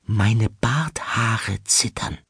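Man voicing a squeaky female guinea pig detective, excitable, high-pitched. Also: extremely slow, slightly rough, dry recording, clean studio sound, exaggerated voice.

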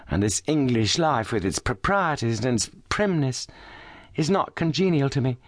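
A man's voice: fairly high pitch, no room sound, studio quality, pitched above the performer's own voice, lightly acted. A man voicing a young titled lady, injured, weary and passionate, raised in South Australia, speaking in a raised, pleading voice. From brought up in South Australia.

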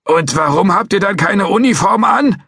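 A testy old security guard shouts in a thin, high, querulous voice. He is suspicious and doddering, and his speech is husky and close with no room around it. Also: lively intonation, normal speed, no echo, full character voice. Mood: shouting.

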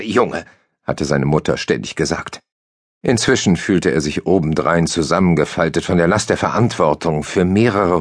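A man reading a comic novel aloud as narrator in a lively storytelling manner, close to a studio mic. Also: low voice, dry recording. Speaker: audiobook narrator.

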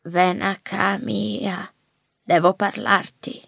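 Lady narrator putting on a weak old grandpa from a storybook, slow and raspy, creaky breathy voice. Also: mid-range voice, level tone, fairly bright tone, no room sound, full character voice. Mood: urgent pleading. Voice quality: gravelly, breathy, halting. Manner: slow pleading warnings. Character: frail old grandfather after a stroke, urgent. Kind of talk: audiobook character voice. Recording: dry close studio mic.

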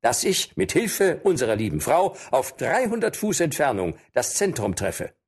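A man's voice: medium pitch, sing-song, moderate pace, husky, voice pushed up. A man voicing a proud, defiant young archer in an audiobook reading. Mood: boastful. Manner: bold, boastful.

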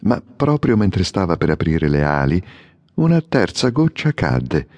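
Very deep, expressive male storyteller. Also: a little slow, no echo. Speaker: audiobook narrator. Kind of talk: scripted fairy-tale narration.

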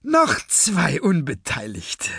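A man's voice: huge pitch swings, takes it slowly, gravelly, sharp tone, slightly rough, dry recording, clean studio sound, exaggerated voice. A man doing a giddy, cruel henchwoman. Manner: high, giddy and playful. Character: gleeful cruel female henchman. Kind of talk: audiobook character voice.

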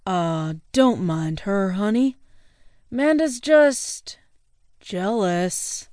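A woman's voice: medium pitch, a little mellow, no room sound, studio quality, pitched below the performer's own voice. Woman doing a drunk, drawling young man. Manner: slow, drawling, lazy.

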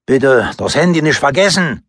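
Male narrator playing a sarcastic, argumentative thug sidekick; husky voice, animated pitch. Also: moderate pace, dry recording, clean studio sound. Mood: sarcastic, combative. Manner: sarcastic, combative. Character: gruff male robber sidekick with a club, anti-capitalist.

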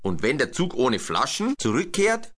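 A man's voice: mid-range voice, wildly swooping pitch, moderate pace, fairly bright tone, pitched above the performer's own voice. A man voicing a stern male elephant in a storybook reading, firm and scolding.

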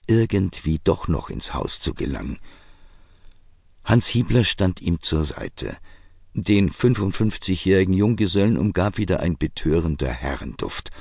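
Deep low guy narrating an audiobook, gravelly, steady and measured. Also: no room sound, clean studio sound.

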